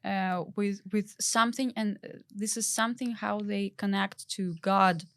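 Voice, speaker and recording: A woman's voice: medium pitch, steady tone, a little slow, no room sound. Earnest woman searching for her words. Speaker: guest, design partner. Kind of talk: casual conversation.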